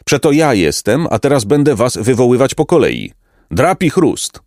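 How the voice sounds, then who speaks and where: A man's voice: medium pitch, big pitch swings, moderate pace, no echo, clean studio sound, pitched above the performer's own voice, natural voice. A man voicing a stern, impatient robber captain who barks orders at his gang. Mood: commanding. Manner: shouting roll-call orders.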